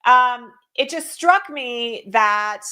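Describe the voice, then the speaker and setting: A middle-aged woman hosting an online broadcast, telling a story in a casual, animated way with lots of fillers. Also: fairly high pitch, drawn-out words, clean tone. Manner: animated, heavy use of fillers like "like" and "um"; voice rises sharply when quoting shouted words. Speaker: host.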